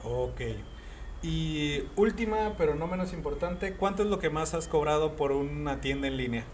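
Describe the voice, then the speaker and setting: A man's voice: fairly high pitch, animated, normal speed, a little hiss or hum. A man hosting a podcast interview, asking questions casually and often turning to speak to the listeners directly. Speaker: podcast host.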